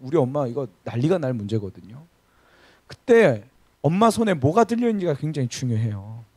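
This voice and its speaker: A man in his thirties, serving as pastor, preaches a sermon during a church service with engaging, humorous storytelling and questions for the congregation. His mid-range voice is husky and darkish, swinging widely in pitch at a fairly quick pace, with no room sound.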